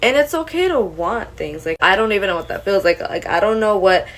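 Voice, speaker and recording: A woman's voice: medium pitch, big pitch swings, brisk, a little hiss or hum, poor audio. A woman of twenty-seven speaking bluntly and frankly about feeling lonely in a casual vlog. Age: late 20s. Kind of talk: confessional vlog.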